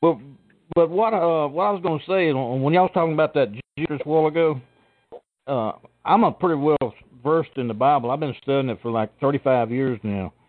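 Deep Southern caller, man on phone line. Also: a little fast, no room sound. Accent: deep Southern American. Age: middle-aged or older. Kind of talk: casual chat.

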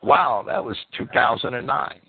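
A man's voice: mid-range voice, moderate pace, creaky, slightly rough. A man hosting a call-in show, speaking off the cuff in an emphatic, repetitive way. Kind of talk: spontaneous monologue and chat with callers. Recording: narrow phone-like radio sound.

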